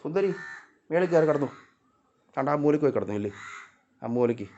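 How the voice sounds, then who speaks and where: A man's voice: fairly high pitch, expressive, fairly quick, lo-fi sound, slight background noise. A man, vlogging in casual talk as he coaxes and calls out to his cats outdoors at home. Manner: coaxing, calls out loudly to the cats.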